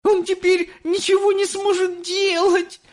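A man voicing a frantic, tearful mother who wails and sobs in falsetto. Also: little pitch movement, measured pace. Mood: wailing. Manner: wailing, sobbing falsetto. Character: frantic tearful mother, middle-aged woman.

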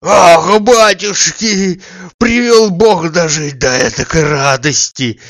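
A man's voice: fairly high pitch, takes it slowly, no echo, voice pushed up, exaggerated voice. A man doing a wheezy old servant. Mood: overjoyed. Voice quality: wheezy, hoarse. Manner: loud, exclaiming, bowing and fussing. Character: old male servant, fussy and devoted. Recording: dull dry lo-fi recording.

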